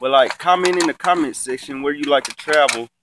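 A man's voice: fairly high pitch, a little fast, noisy background. Young man vlogging with a stuffy nose. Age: young adult. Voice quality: stuffy-nosed, congested sound. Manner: slangy, laid-back, swearing freely. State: sick with the sniffles. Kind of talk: casual rambling vlog chat. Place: outdoors in a yard, reclining in a chair. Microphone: phone at arm's length.

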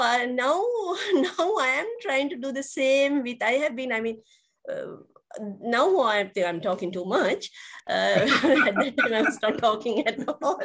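A middle-aged woman from Sri Lanka, a guest on a video-call interview, hesitant, with many fillers and restarts. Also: high voice. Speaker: guest educator. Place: indoors, virtual background.

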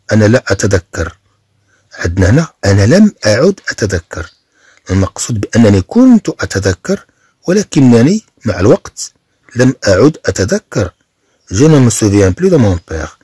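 A man with a Moroccan accent, teaching a bilingual reading lesson, explaining slowly and repeating phrases. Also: on the low side, dark tone, husky, dry recording, studio quality.

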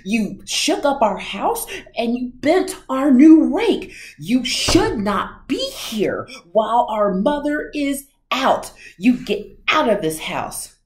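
A woman's voice: fairly high pitch, very animated, slow, hardly any pauses, pitched above the performer's own voice. A woman voicing an indignant, fussy male pet fish in a storybook read-aloud, scolding in a stern, emphatic way.

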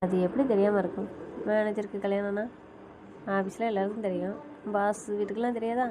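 A woman's voice: mid-range voice, flat delivery, fairly quick, background noise. A woman talking with her husband on a phone call, sulky and pleading, pressing him with questions. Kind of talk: casual phone conversation.

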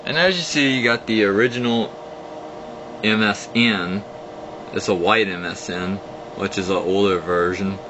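Filmed on a phone aimed at the screen, this young man gives a loose, unscripted tour of an old computer from his desk at home. His voice sits fairly low and his pace is measured as he rambles and explains what he's clicking. The sound is dull and lo-fi, with a hum underneath.

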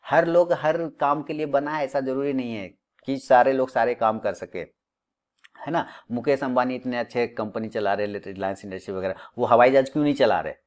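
A man's voice: mid-range voice, moderate pace. A man teaching stock trading in a lecturing monologue, scolding and repeating phrases for emphasis. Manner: scolding, full of rhetorical questions.

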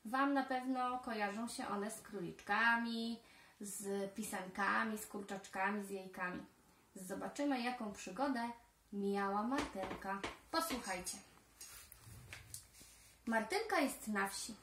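Slow-reading woman teacher, roomy echo. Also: mid-range voice, a bit bright, slight background noise. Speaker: preschool teacher. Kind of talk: reading a story aloud to children.

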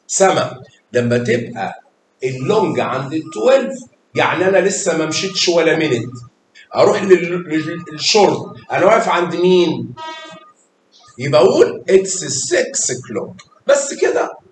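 A math teacher carrying an Egyptian Arabic accent speaks at a moderate pace with lively intonation to a class of young kids. Affectionate and patient, he encourages them with pet names while the echoey room hums with a faint rumble.

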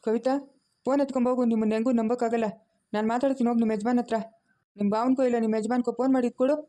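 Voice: mid-range voice, fairly even intonation, rapid-fire, warm tone, lightly acted. A performer voicing a stern elderly grandfather in a cartoon family drama, scolding and commanding.

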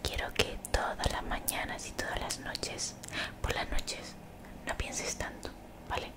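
A young woman gives soothing, motivational ASMR in a breathy whisper very close to the mic, gently repeating phrases. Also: measured pace. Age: young adult. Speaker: ASMR creator. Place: small bedroom, indoors. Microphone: desktop condenser mic, very close.

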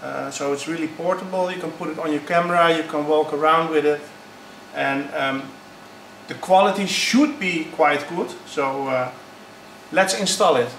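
A man starting a YouTube channel, talking in a halting, unpolished way with frequent pauses. He is recorded through the low-quality built-in mic of his camera. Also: fairly bright tone, far from the mic. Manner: halting, unpolished, pausing often. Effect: low-quality sound from a built-in camera mic. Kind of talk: casual unboxing vlog. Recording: echoey, low-quality camera audio with faint background noise.

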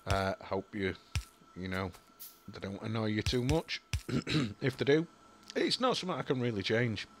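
Sounding animated, a young Yorkshireman with a fairly low voice chats casually through a building game on YouTube at a moderate pace, rambling, thinking aloud, and full of ums and apologies. There's slight background noise.

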